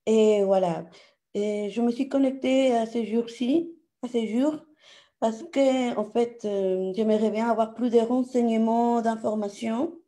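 A woman in her thirties from Ecuador, speaking French with a Spanish accent, who joins an online session as a caller and talks haltingly. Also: on the high side, dark tone. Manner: hesitant, halting, with many fillers.

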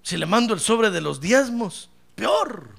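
A man preaching a lively, humorous sermon as a pastor, speaking fervently, crying out praise and often calling his listener brother. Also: high voice, measured pace, vocal fry. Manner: fervent, jokes, cries out praise, keeps addressing "hermano".

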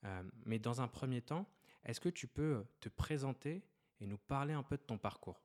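A man's voice: mid-range voice, expressive, normal speed, a little mellow. A man hosting a podcast, reading a scripted intro and then asking questions with frequent hesitations. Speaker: podcast host.

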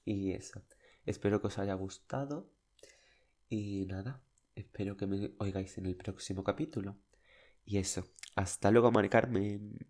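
A man's voice: lowish voice, fairly even intonation, moderate pace, a little mellow. Chatty, dramatic young Spanish man. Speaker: podcast host. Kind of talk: casual storytelling monologue.

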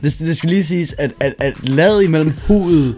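A man in a casual chat, jumping in with quick questions and jokes. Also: fairly high pitch, darkish tone.

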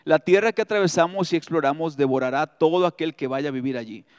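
A man preaching a sermon as pastor, reading scripture aloud and breaking in with lively, joking asides. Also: fairly high pitch, quick pace, smooth, no echo, clean studio sound, long reverb tail. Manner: expressive, reads scripture aloud with asides and humor.

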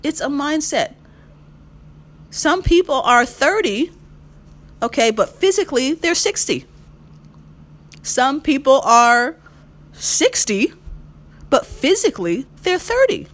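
Hosting her own podcast, a mid-thirties woman delivers emphatic advice in a very animated way, yet at a slow pace with long pauses. Her pitch swings as she drives points home, and she keeps repeating key phrases.

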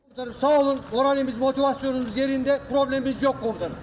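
A soldier answering his commander in a crisp, formal military manner, heard over a military field radio. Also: very high-pitched, steady tone, racing.

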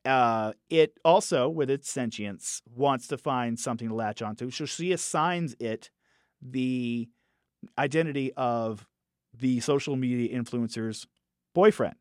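A man's voice: medium pitch, a little slow, no room sound, studio quality. A man reviewing films in a casual podcast chat, talking animatedly and restarting phrases as he thinks aloud. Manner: animated, acts out quoted characters in raised voices. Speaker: film reviewer.

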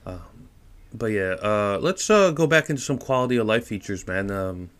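A man co-hosting a tech podcast, giving relaxed, opinionated takes in casual chat. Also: lowish voice, normal speed, clear, resonant tone. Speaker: podcast co-host.

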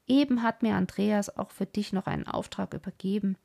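Teasing storybook mother, read by a woman, gravelly and husky. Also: medium pitch, fairly quick. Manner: lively, teasing. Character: cheerful teasing mother of the house.

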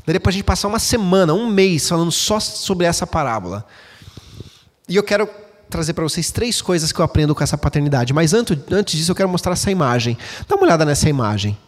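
A man preaching a sermon as pastor, expressive and speaking directly to the congregation. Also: on the high side, fast. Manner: expressive, acts out quoted voices, addresses the congregation directly. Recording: long hall reverb.

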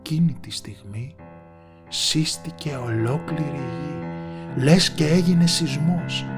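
A man's voice: fairly high pitch, over music. A man narrating a folk tale with rhythmic, repeated phrases. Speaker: storyteller.

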